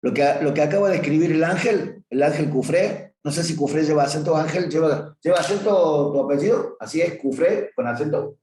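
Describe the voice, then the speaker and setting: A male math teacher leads a review class on limits, talking through a graph and often stopping to correct himself. His voice is a little high with a darkish tone, and he speaks fairly quickly with hardly any pauses. The recording has a roomy echo.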